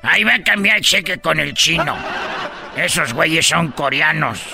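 A man putting on a loud joking Chinese character. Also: lively intonation, normal speed, creaky, music in the background. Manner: comic bits with sudden high shouts. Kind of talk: radio comedy sketch.

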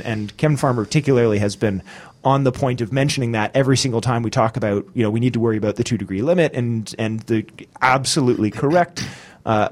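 Fast-talking man hosting a podcast. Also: medium pitch. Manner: rambling, many fillers and restarts. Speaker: podcast host. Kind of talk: casual podcast discussion.

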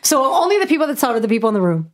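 Gushing podcast host woman, higher voice. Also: very animated, very fast. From Puebla, Mexico. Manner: enthusiastic, laughing, gushing. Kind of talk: casual interview chat.

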